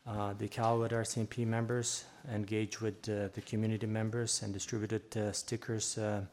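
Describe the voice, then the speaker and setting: A male police sergeant giving a formal report at a council meeting, with a halting, hesitant delivery. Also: fairly low pitch, level tone, darkish tone.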